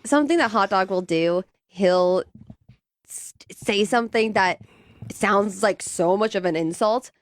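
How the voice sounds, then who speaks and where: A woman guest on a radio show chatting in an animated, flustered and giggly way. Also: mid-range voice, a little slow, no room sound, clean studio sound. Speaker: studio guest. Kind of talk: casual studio banter.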